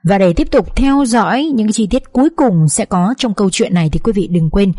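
A woman narrating an emotional first-person story in a measured, expressive reading, then closing the episode as host. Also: mid-range voice, breathy edge.

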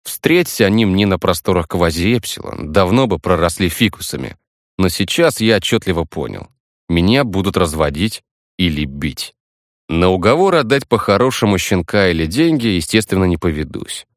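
A man narrating a first-person audiobook in a measured, matter-of-fact way. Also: sits low, lively intonation, dry recording, clean studio sound.

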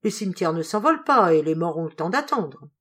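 A woman voicing a gentle middle-aged lady who employs seamstresses, with a soft, kindly, slightly hesitant manner. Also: mid-range voice, animated, moderate pace, close to an everyday voice. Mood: softly reassuring.

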